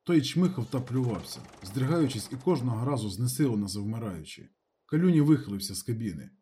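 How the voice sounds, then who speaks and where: Guy reading an audiobook, kinda husky, really animated delivery. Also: mid-range voice, brisk. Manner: lively, expressive reading. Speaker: audiobook narrator. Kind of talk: literary audiobook narration.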